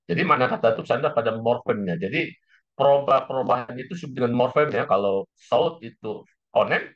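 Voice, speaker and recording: A man's voice: mid-range voice, lively intonation, fast. Man giving a repetitive lecture. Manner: explains step by step, often repeats key phrases. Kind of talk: classroom lecture. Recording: slightly dull lo-fi recording.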